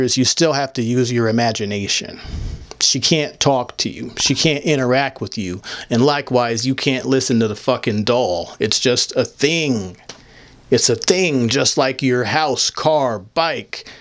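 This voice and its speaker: Young man, mid-pitched, blunt, profane, rambling, mocking, casual vlog talk, handheld mic, dry small room. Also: dry recording. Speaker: vlogger answering viewer comments. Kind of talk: casual, crude monologue. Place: small indoor room with photo-covered wall. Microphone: handheld microphone held close.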